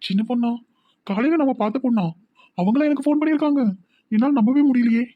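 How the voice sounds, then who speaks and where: A man's voice: high voice, brisk, no echo, phone-quality sound, lightly acted. [name], a man voicing a lovestruck young man. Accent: Tirunelveli Tamil. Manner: dreamy, talks to himself.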